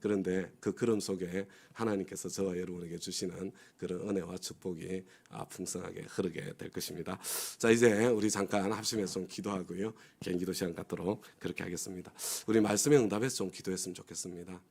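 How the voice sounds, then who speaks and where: Male pastor with a somewhat low voice; preaches a dawn sermon, has the congregation repeat phrases after him and keeps checking that they agree. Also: steady tone, quick pace, creaky, few pauses, darkish tone, slightly rough. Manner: acts out inner voices of complaining people. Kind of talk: sermon at a dawn prayer service.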